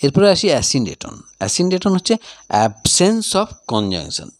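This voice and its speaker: Animated male tutor. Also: medium pitch. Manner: explains in Bengali mixed with English terms, reads quoted lines slowly. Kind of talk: recorded English literature lesson.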